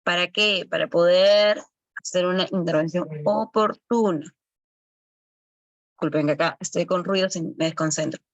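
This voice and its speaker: A woman's voice: on the low side, moderate pace, no echo, highs cut off. A woman giving an online lecture to early-education assistants, explaining as she goes and correcting herself often. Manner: explanatory, with frequent self-corrections.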